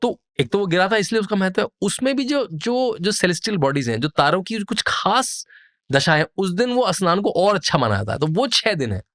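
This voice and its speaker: A man's voice: sits high, sing-song, a little fast, a bit bright, dry recording, studio quality. A man, a podcast guest, explaining traditions in a vivid, descriptive way and building scenes with lists. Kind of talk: explanatory storytelling interview.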